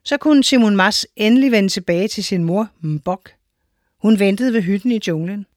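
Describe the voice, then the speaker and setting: A woman's voice: mid-range voice, darkish tone, no room sound, studio quality. Woman reading a children's story. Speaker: narrator.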